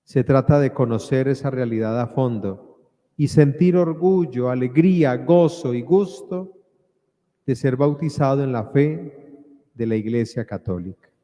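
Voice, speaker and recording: A male priest speaks solemn liturgical words in a mellow voice. His phrases come slowly, set apart by deliberate pauses. Each one rings out in a long cathedral-like echo. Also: medium pitch. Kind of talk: solemn liturgical prayer and preaching. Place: large reverberant church.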